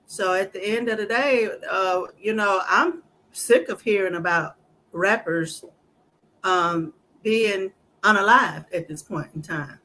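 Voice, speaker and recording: A woman's voice: medium pitch, slow pace, bright, forceful tone, slight background noise. A woman hosting a casual talk show, chatting loosely about the news. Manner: reads a letter aloud; loose, conversational. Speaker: podcast host. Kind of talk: casual chat.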